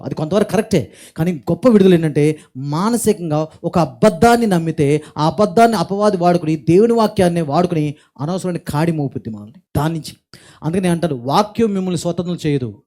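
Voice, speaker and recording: Fast-talking high-voiced male preacher. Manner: emphatic preaching that repeats phrases, swinging between quiet and forceful. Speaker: pastor. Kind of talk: sermon.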